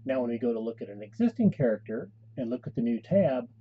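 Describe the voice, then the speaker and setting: Husky man explaining software steps calmly. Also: mid-range voice, fast, highs cut off. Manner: calm step-by-step instruction. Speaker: tutorial host and game master. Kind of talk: screen-recorded software tutorial.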